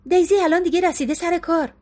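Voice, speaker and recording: A woman's voice: extremely high pitch, mellow, voice pushed up. A woman voicing an eager, emotional middle-aged wife in an audiobook. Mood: fretful. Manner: eager, pleading. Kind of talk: audiobook character reading.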